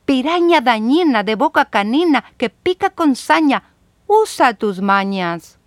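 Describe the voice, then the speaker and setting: A woman reading children's poems aloud in a measured, rhythmic recitation. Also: sits high, very animated, no room sound, studio quality. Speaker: reader.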